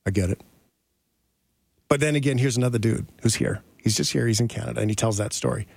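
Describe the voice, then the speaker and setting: A man with a medium-pitched, racing voice and some vocal fry hosts an interview podcast, recorded with no echo. He tells anecdotes casually and ramblingly, laughing easily as he goes.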